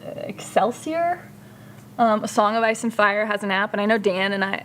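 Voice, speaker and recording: A woman's voice: medium pitch, slight background noise. A woman hosting a casual livestream chat, reading out and answering viewer comments. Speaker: streamer hosting a hobby chat.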